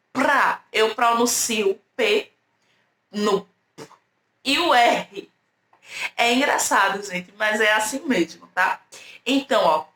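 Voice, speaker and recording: A high, bright woman's voice, speaking slowly and patiently as she teaches young children, carefully sounding out each word and inviting them to repeat. She is recorded in an echoey room.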